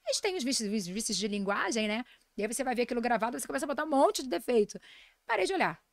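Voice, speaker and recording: A woman in her forties with a Brazilian Portuguese accent, a nutritionist and lecturer telling stories fast and with animation in a casual podcast interview. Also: fairly high pitch, big pitch swings, gravelly, no room sound. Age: 40s.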